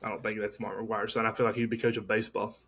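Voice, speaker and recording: A man's voice: lowish voice, flat delivery, quick pace, creaky, a bit bright, slightly rough. A young man, co-hosting a casual sports podcast in a laid-back, joking way. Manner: laid-back, jokey, drawls out names. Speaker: podcast co-host.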